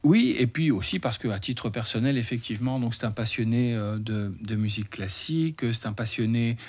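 A man's voice: mid-range voice, fairly quick, a little mellow, slightly rough. A man, a guest in an interview who talks thoughtfully with many fillers and restarts. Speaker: interview guest, teacher trainer. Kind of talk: radio interview conversation.

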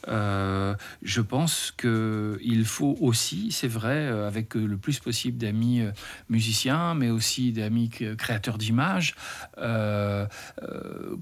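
A man, a guest in an interview who talks thoughtfully with many fillers and restarts. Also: medium pitch. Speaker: interview guest, teacher trainer. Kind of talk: radio interview conversation.

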